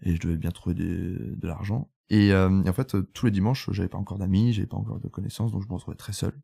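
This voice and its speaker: An Italian-born photographer in his twenties talks in French as a podcast guest, his low-pitched voice warm and husky with vocal fry and a quick pace. Italian is his first language, and he relates his story candidly in this casual interview, full of fillers and restarts.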